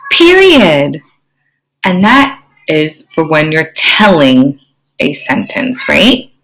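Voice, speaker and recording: Slow, breathy woman teaching kids. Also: fairly low pitch, poor audio. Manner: expressive, explains with gasps and questions to kids. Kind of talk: online reading mini-lesson for children.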